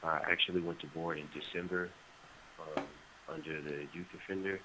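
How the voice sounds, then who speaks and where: A man in his forties calling from a prison phone, talking in a halting, reflective way with many restarts. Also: deep voice, steady tone. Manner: halting, reflective, full of restarts and "you know". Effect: on a prison phone line. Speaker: incarcerated caller. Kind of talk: casual phone conversation. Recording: noisy phone line.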